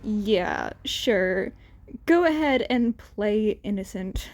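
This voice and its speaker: A weary teenage boy with a deadpan, dry delivery in a fan-made audiobook, read by a woman. He talks slowly, in a soft, mellow tone. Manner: dry, tired, lower.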